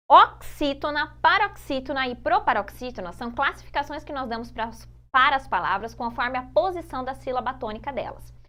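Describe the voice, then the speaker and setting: A Brazilian woman teaching a Portuguese grammar lesson for exam prep, explaining patiently, repeating key points and drawing out example words slowly. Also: sits high, expressive, sharp tone. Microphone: phone.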